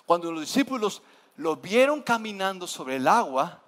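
A Mexican pastor preaching a sermon in a high, lively voice. He tells the story animatedly, slipping into acted-out voices for the characters. His words ring out with the long echo of a church hall. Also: normal speed. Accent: Mexican Spanish. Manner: animated storytelling, acting out scared disciples in high cries.

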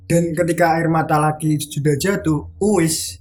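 A man's voice: on the high side, fairly even intonation, unhurried, a little mellow. A young man in a casual chat, earnest and casually swearing.

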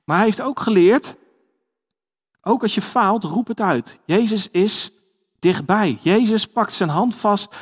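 A man's voice: high-pitched, slow, breathy edge, long reverb tail. A man giving a conversational sermon, with many fillers and restarts. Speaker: preacher.

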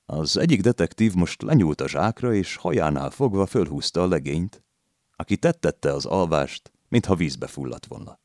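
A deep, low male voice reads a novel aloud at a measured storytelling pace. The sound is dry and very close, with no room around it. It is a plain, steady audiobook narration. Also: no echo. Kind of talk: literary audiobook reading.

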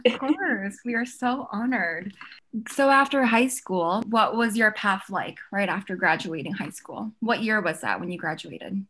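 Co-host: young woman, enthusiastic and gushing in her casual interview questions, middle pitch. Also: lively intonation, measured pace, a bit bright. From Cape Cod, Massachusetts. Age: young adult. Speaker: podcast co-host.

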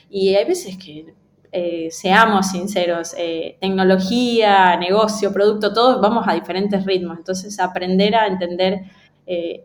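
With a mid-range, slightly mellow voice, an Ecuadorian woman who works in design chats candidly and with slang as an interview guest. The casual conversation is captured in a roomy space with noticeable echo.

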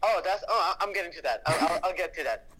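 A man's voice: high voice, lively intonation, fast talker, pushed and bright, slight background noise, low-quality recording. A man from Pakistan, a podcast guest, telling a story in a rambling way with many fillers. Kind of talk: casual storytelling.

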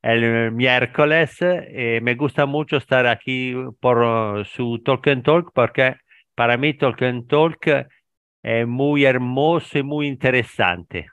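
A man in his fifties from Italy, speaking Spanish with an Italian accent, introducing himself warmly and slipping into Italian words. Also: mid-range voice, takes it slowly, clean tone, no echo, lo-fi sound. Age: 50s. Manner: warm, enthusiastic, slips into Italian words. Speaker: participant in a language exchange call. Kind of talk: casual self-introduction.

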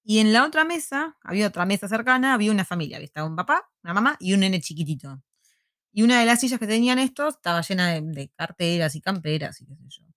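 A woman's voice: mid-range voice, quick pace, no room sound, clean studio sound. Argentine woman telling a story with flair. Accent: Argentine Spanish. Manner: animated storytelling with laughs and acted-out quotes. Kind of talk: casual chat.

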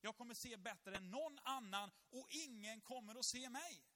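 A man's voice: extremely high pitch, sharp tone, long reverb tail. A man acting out a nervous, hated male tax collector who hides in a tree and mumbles to himself. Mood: scheming.

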